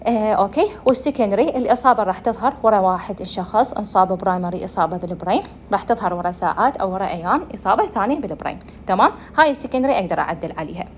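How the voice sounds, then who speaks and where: A woman's voice: mid-range voice, lively intonation, racing, few pauses, a little hiss or hum. A young woman with an Iraqi Arabic accent giving a medical lecture, explaining step by step and answering her own questions.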